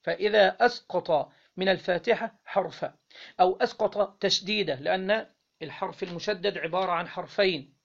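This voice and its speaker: A man with an Egyptian accent teaching Islamic law, reading a legal text aloud and then explaining it, often pausing to quiz his listeners. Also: sits high, vocal fry, a bit bright, lo-fi sound. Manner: reads the text then explains, quizzing listeners with "what?" pauses.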